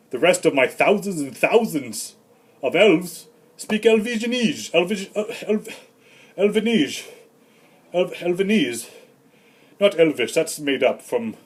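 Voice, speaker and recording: Grumpy old santa ranting on a comedy vlog, husky kinda breathy voice, a bit high, some guy doing him. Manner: rambling, grumbling, deadpan self-important asides. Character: rambling grumpy old Santa Claus, male. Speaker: comedy vlogger.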